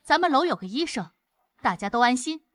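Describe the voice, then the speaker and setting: A woman's voice: sits high, lively intonation, fairly quick, a bit bright, no echo. A woman voicing a self-serving neighbor who agrees with others when it suits her. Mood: agreeing.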